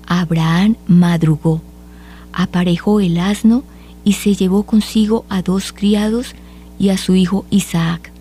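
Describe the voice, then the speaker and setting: A woman reading scripture aloud at a measured, solemn pace for a liturgy. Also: mid-range voice, fairly even intonation, dark tone, slight background noise. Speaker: liturgical reader.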